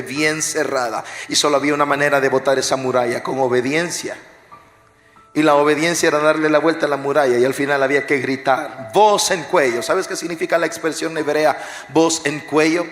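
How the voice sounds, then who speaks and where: In a large church hall, a male pastor delivers an energetic sermon in a high, ringing voice with a bright edge, steady in tone and brisk. He leads call-and-response, jokes with the congregation, and swings from shouted war cries to near-whispers. The live recording carries a long church echo with faint music behind.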